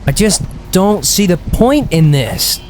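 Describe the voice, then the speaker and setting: A man's voice: high voice, big pitch swings, takes it slowly, a little mellow, slight background noise. A man giving casual, critical video game commentary in a blunt, exasperated, sweary way. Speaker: video game let's player. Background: video game music.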